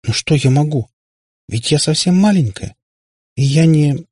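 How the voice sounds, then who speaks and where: A timid little girl, put on by a male reader, stammers on the edge of tears. The voice sits high and husky, close to the mic in a dry space. She sounds small and frightened in this audiobook. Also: fast talker, warm tone, no room sound. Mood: bewildered.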